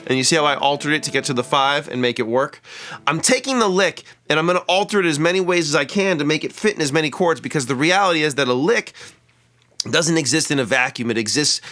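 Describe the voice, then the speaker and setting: Fast-talking and animated, a man with an on-the-high-side, pushed and bright voice leads an informal lap steel guitar lesson. He keeps chatting while he plays, explaining things and counting the scale degrees of each lick against the lap steel in the background.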